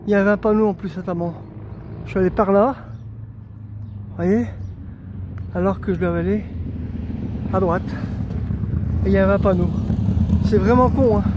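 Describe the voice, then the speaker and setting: Background noise surrounds this casual walking vlog, shot on a handheld camera along a pilgrimage road and path. The tired man speaks in a high-sitting voice, chatty and rambling, mocking himself and musing aloud to his camera.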